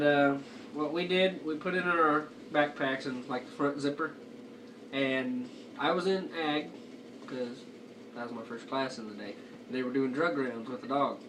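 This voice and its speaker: A young man giving a casual review as he chats, talking with a lip full of dip. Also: on the high side. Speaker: amateur product reviewer. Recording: noisy, distant home video microphone.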